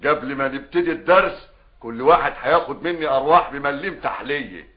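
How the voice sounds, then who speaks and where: An actor playing a stern Egyptian sheikh who gives orders to schoolchildren. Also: male voice, mid-range voice, fast, natural voice. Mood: commanding. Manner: commanding, scolding. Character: stern male sheikh teaching village children. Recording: dull lo-fi TV soundtrack.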